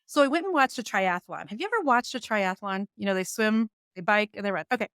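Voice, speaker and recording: A woman's voice: medium pitch, quick pace, clean tone, no room sound, clean studio sound. A woman in her forties, a business coach and author, telling stories casually in an interview and acting out her own inner voice. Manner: animated, acts out her own inner dialogue with laughs. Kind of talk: casual storytelling in a podcast interview.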